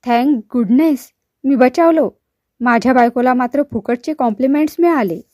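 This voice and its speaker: A woman putting on a loud joking man. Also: high-pitched, moderate pace, no echo, studio quality, natural voice. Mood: playful. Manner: shouting, playful. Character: boisterous married man, loud joker.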